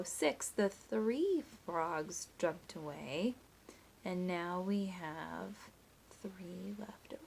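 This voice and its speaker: With a creaky, mid-range voice over a little hiss or hum, a female teacher reads a picture book expressively. She walks young listeners through simple sums step by step, prompting them with questions.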